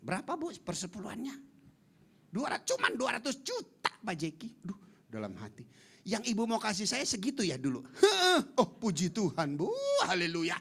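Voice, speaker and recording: A man preaching a lively, humorous sermon to his congregation, acting out the voices of the people in his stories and teasing the listeners. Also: sits high, moderate pace, creaky, breathy edge. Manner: acts out quoted voices, playful asides to congregation. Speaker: pastor. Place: large church hall.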